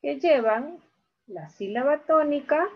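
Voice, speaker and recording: A woman teacher giving an online lesson, talking slowly and repeating key words syllable by syllable. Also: high-pitched, expressive. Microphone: video call. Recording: dull video-call audio.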